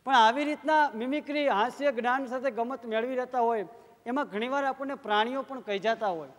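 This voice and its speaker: A man's voice: very high-pitched, a little fast, big-room sound. A man telling comic stories at a live folk show, acting out the dialogue. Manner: lively storyteller, acts out quoted dialogue. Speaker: folk humorist on stage. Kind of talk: live dayro storytelling.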